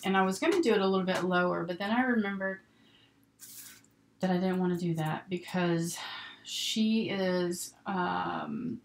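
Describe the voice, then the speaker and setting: Creaky low-voiced woman teaching a sewing craft. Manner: chatty, talks herself through each step while working with her hands. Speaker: sewing instructor hosting a live stream. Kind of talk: casual hands-on tutorial talk. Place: indoors at a work table. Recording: noisy home recording with rustling paper and clicks. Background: paper rustling, clicks, steady noise.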